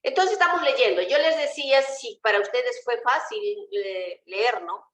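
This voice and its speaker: A woman's voice: fairly high pitch, lively intonation, a little slow, fairly bright tone. A woman teacher giving an online class. She talks patiently and often puts rhetorical questions to her students. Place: home, on a video call. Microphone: computer mic on a video call. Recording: roomy video call audio.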